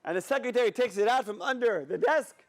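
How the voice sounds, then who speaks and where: A man giving a sermon as a rabbi, an animated storyteller who talks straight to his audience. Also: extremely high pitch, quick pace. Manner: animated storyteller, acts out dialogue, addresses audience directly.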